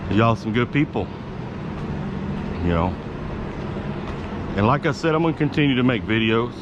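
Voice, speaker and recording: A man's voice: medium pitch, expressive, moderate pace, highs cut off. A man talking casually to his viewers as a vlogger, rambling in a laid-back, slangy way with some swearing. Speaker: YouTube vlogger. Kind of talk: casual rambling talk to camera. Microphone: action camera clipped to his hat. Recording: clear outdoor and vehicle background noise.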